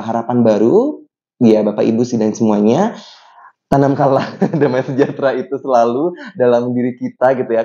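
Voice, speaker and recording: Mellow-voiced young man hosting, dull audio. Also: mid-range voice. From Bali, Indonesia. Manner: chatty storytelling, many fillers. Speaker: podcast host. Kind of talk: casual chat.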